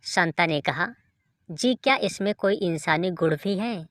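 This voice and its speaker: Slow, low-pitched woman reading jokes. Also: heavy background noise. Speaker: joke reader. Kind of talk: reading short jokes aloud.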